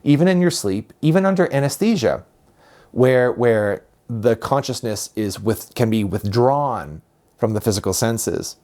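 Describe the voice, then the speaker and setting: A man of ordinary, mid-range pitch talks through spiritual ideas in a calm, reflective way. He takes his time and circles back over phrases for emphasis, like a teacher guiding his listeners. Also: a little slow.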